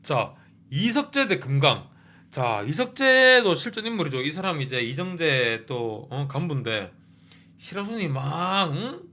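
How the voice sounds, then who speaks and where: A man hosting a review channel, chatting casually about a TV drama and excitedly tossing in little "huh?" asides. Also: a little high, measured pace. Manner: excitable, keeps asking 응? and 어? mid-sentence.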